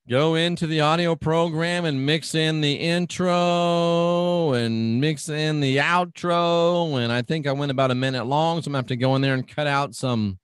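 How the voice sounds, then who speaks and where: On his own radio show, the host chats informally and agreeably, working through listener comments from the live chat in a folksy style. He has a smooth, mid-range voice, captured dry at studio quality.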